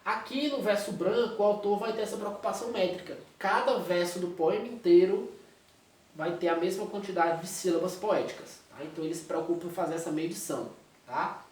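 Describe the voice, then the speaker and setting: A man's voice: high voice, brisk. A male teacher with a Brazilian Portuguese accent, explaining a lesson and checking in with his students at every step. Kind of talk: recorded classroom lecture. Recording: very echoey room, distant mic, faint hiss.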